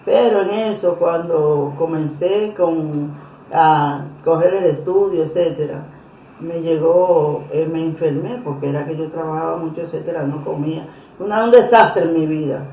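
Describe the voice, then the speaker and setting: A woman telling her personal religious testimony in an interview, earnest and emotional, pausing and restarting often. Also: low voice, mellow, slight background noise. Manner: earnest, emotional storytelling with many pauses and restarts. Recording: roomy echo.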